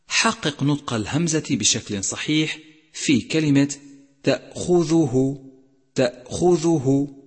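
A man teaching Quran recitation rules in a measured way, slowly drawing out each example word. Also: medium pitch, breathy edge. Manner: measured, numbered points, slowly drawn-out example words. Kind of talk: instructional lesson. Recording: long hall reverb.

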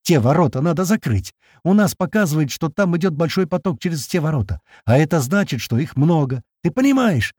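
A man voicing a frantic, bespectacled, curly-haired male technician who shouts orders insistently. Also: sing-song, moderate pace, husky, no room sound, studio quality. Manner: shrill, insistent, bossy.

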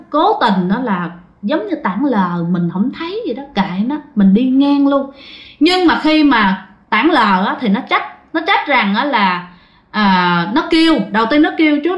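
A woman tells ghost stories casually and keeps speaking to her listeners. Her voice sits a bit high. The recording is muffled and roomy. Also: sing-song, normal speed. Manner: chatty, addresses the audience often. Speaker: ghost story narrator.

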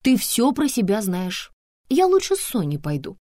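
A woman voicing a pushy young female image consultant who talks high, excited and insistent. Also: normal speed, dry recording, clean studio sound.

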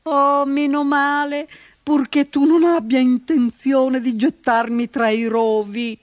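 A woman voicing a cheeky, crafty male rabbit in a storybook reading, with a high squealing voice. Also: fairly even intonation, takes it slowly, no room sound, studio quality. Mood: pleading.

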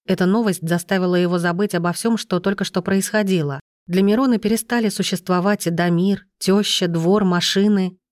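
A woman narrating a romance audiobook in a measured, steady reading. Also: medium pitch, dry recording, clean studio sound. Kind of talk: scripted narration.

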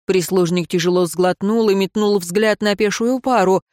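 A woman reading a fantasy novel aloud as audiobook narrator, measured and steady. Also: mid-range voice, no echo, clean studio sound. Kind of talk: scripted narration.

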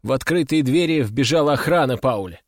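A man narrating a crime story in an even, measured storytelling manner. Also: medium pitch, no echo. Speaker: audiobook narrator. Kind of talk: scripted narration. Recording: dry close studio sound, faint music.

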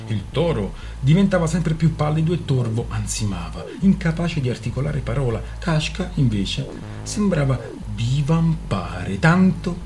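A man reading a novel aloud on the radio with expressive, theatrical storytelling. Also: medium pitch. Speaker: radio reader.

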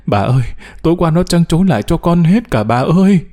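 A man's voice: animated, fairly quick. A man voicing a distraught young mother, wailing and pleading in grief in an audiobook. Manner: sobbing, pleading, high and loud.

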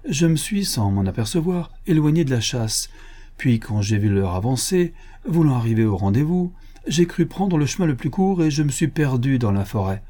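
Brisk kind young prince, bossy but generous, low mellow voice, audiobook, read by a man. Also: big pitch swings. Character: young royal prince, cheerful, generous, commanding. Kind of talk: audiobook character voice.

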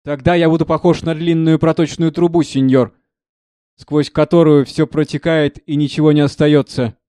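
A man puts on a stout, bossy steward who barks commands, his voice pitched up and pushed loud over a dark, mellow tone. The reading is close and dry, with no room around it. He sounds full of himself and quick to scold. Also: steady tone, no room sound, close to an everyday voice. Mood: lamenting. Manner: barking orders.

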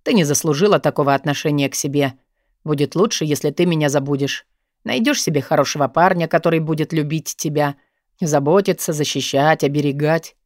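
A brooding, dominant man, as a woman narrator puts him on, lowering her voice into a calm, weary, measured register. Each line sounds firm and tired. The recording is close and dry, with no room around it. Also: no room sound, natural voice.

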